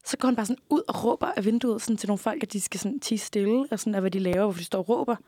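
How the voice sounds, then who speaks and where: A young Danish woman co-hosting a casual podcast chat, frank and chatty, quick to react and agree. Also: medium pitch, mellow, dry recording, studio quality. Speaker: podcast co-host.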